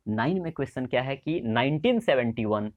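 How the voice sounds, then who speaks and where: A young male teacher runs a current affairs exam lesson. He quizzes his students, answers his own questions, and repeats each answer to drill it in. His pitch sits right in the middle for a man. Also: lively intonation, brisk, dull audio. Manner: drills facts with repeated questions and memory tricks.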